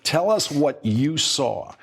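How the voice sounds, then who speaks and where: A man's voice: fairly high pitch, big pitch swings, gravelly, fairly bright tone, slightly rough. Emphatic man in his sixties hosting news commentary. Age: 60s. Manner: emphatic, measured, slows for stress. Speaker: host.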